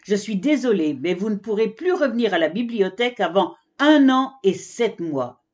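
A woman's voice: mid-range voice, expressive, moderate pace, a little mellow, dull audio, natural voice. A woman voicing a strict, exasperated female giraffe librarian in a children's storybook. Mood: stern. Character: stern proper giraffe librarian, female adult.

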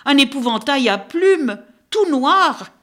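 A lonely little male crow from a picture book speaks in a small, sad voice that lifts high and eager, as a woman puts him on. The tone swings widely as he pleads to be liked. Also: very animated, takes it slowly, a bit bright, full character voice. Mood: despairing. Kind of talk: storybook read-aloud.

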